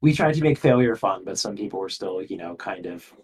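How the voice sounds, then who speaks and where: A man guesting on a podcast, talking casually about his game with many pauses and restarts. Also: low voice, expressive, slightly rough, far from the mic, low-quality recording. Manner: hesitant, many ums and restarts.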